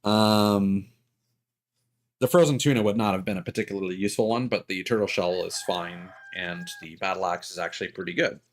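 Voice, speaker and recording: Over video game music, a man with a low voice talks briskly while streaming a game, reasoning aloud in an analytical, casual chat. A faint hiss or hum sits under the recording.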